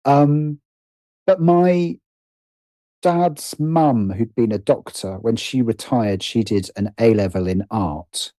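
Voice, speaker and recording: This middle-aged British man, a writer and producer appearing as a podcast guest, speaks slowly in a medium-pitched, dark voice. He's casual and reflective, hesitant and self-deprecating as he works through his thoughts aloud, and the recording is dry.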